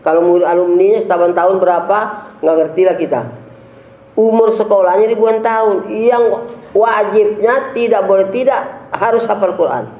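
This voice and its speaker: A man's voice: sits high, steady tone, normal speed, a little mellow, muffled recording. A man preaching to a gathering, emphatic and scornful, firing off rhetorical questions. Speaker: religious leader giving a talk. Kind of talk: preaching sermon. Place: large gathering hall. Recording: echoey room.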